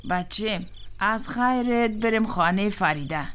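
A woman's voice: medium pitch, expressive, a bit bright, a little hiss or hum, lightly acted. A woman with an Afghan Dari accent playing a blunt, disapproving older mother-in-law in a TV drama. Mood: scolding. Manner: scolding, blunt.

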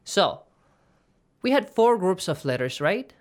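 A teacher giving a recitation lesson, checking in often with "okay?" and "right?" and drawing out sounds slowly to demonstrate them. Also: medium pitch, big pitch swings. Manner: slow, drawn-out demonstrations of pronunciation. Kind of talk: tajweed lesson to students.

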